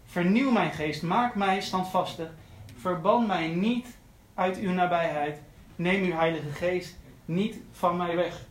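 A man's voice: high voice, slow, hardly any pauses, reverberant, slight background noise, rough recording. A man preaching a sermon, earnest and repeating his key phrases for emphasis. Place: church.

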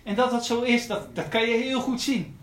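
A man delivers an earnest sermon, circling back to repeat his key phrases. His voice sits high for a man. The sound rings with the echo of a large church. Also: steady tone, normal speed, a little hiss or hum. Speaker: preacher.

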